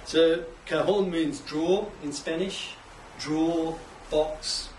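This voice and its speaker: A middle-aged Australian man explaining his craft in a relaxed interview, with an enthusiastic musician's manner. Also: a little high, slow pace. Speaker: guest, cajon maker. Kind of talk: casual interview. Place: indoors, home workshop. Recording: echoey room, mic at a distance, faint background hiss.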